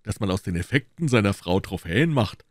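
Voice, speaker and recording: A man's voice: a little high, very animated, normal speed, dry recording, clean studio sound, voice pushed up. A man voicing a mocking, boisterous male royal guardsman who talks with mock seriousness in an audiobook reading. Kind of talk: audiobook character voice.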